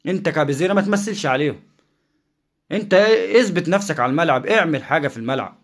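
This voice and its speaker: An Egyptian man rants at breakneck speed in a solo video, hammering the same rhetorical questions again and again. His voice sits a little high, and his manner stays confrontational and insistent throughout. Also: expressive, very fast. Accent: Egyptian Arabic. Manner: combative, rhetorical, repeats questions. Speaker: football commentator and channel host. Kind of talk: heated solo rant to camera.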